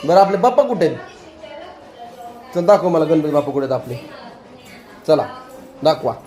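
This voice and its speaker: A woman with a rural Marathi accent speaks in a fairly low voice, playful and coaxing. She questions a small child at home in a casual family vlog, recorded on a phone. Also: very animated, normal speed, warm tone. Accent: rural western Maharashtra Marathi. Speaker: family vlogger questioning a toddler.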